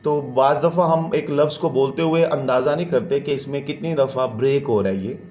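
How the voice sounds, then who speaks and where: A man's voice: mid-range voice, fairly quick, darkish tone, slight background noise. Patient male teacher in an echoey room. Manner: patient, explains step by step, counts syllables aloud. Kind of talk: classroom lesson explanation.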